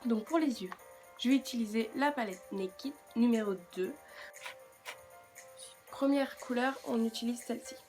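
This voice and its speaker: Woman, French accent, casual makeup tutorial, slightly high voice, faint music behind. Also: normal speed, long pauses. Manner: chatty, self-mocking asides. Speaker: beauty vlogger.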